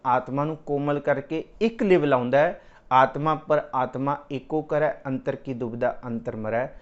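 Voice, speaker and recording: Male preacher, mid pitch, explains scripture and chants verses slowly, dull lo-fi sound. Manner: slow melodic chanting of verses between plain explanation. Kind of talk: devotional sermon with sung verses.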